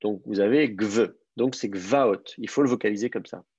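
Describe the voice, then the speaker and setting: A male teacher with a slightly husky voice explains a grammar point patiently, slowing down to repeat each key word. The sound is dry and a little muffled, as if recorded at close range over a modest connection. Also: fairly low pitch, darkish tone, dry recording. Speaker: Hebrew teacher. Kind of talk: online class explanation.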